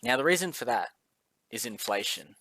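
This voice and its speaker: A man's voice: mid-range voice, expressive, moderate pace, sharp tone, dry recording. A man teaching a recorded maths lesson in a casual, chatty way with filler words.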